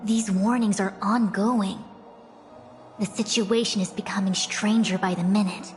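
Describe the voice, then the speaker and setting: A woman's voice: mid-range voice, fairly even intonation, measured pace, darkish tone, natural voice. Woman voicing a composed, formal seer in long reverb. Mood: calm, watchful. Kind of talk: English video game voice acting. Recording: long reverb, music behind.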